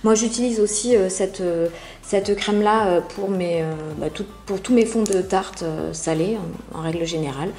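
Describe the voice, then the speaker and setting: A woman's voice: medium pitch, normal speed, dark tone, faint music behind. A woman casually reviewing products from a subscription box, chatting with many hesitant fillers. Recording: roomy echo.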